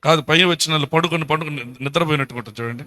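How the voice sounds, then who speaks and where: Telugu-accented pastor guy, high voice, preaching a lively sermon, keeps firing questions at the crowd. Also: very fast. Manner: animated storytelling, rhetorical questions, acts out voices. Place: church.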